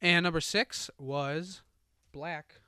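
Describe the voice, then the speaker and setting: A man's voice: a little high, steady tone, slow pace, sharp tone, smooth, no echo, studio quality. A young man co-hosting a casual podcast, joking, laughing and reading listener emails aloud. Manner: jokey, laughs often, reads emails aloud. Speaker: podcast co-host.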